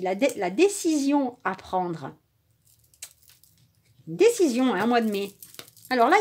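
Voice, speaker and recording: Her voice is fairly high, slightly mellow and a bit rough. She reads tarot and oracle cards for an audience in an easygoing, chatty tone, using lots of fillers and now and then tripping over her words.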